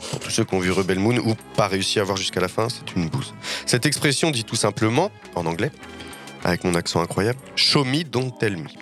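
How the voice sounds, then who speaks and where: A fairly low-voiced man reads his podcast column, opinionated and wry, with a self-mocking streak. Faint music sits underneath him. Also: fairly quick, a bit bright. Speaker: podcast critic.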